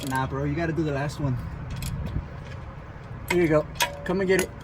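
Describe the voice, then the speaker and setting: An amateur mechanic vlogger, a man with a fairly high voice and moderate pace, jokes around in slangy, sweary frat-bro talk while working on a car. The handheld camera picks up loud car and tool noise.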